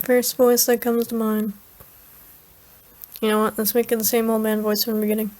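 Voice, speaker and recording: A woman's voice: fairly high pitch, flat delivery, moderate pace, a little mellow, rough recording. A woman making casual, self-deprecating asides while reading a game story aloud. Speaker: story reader.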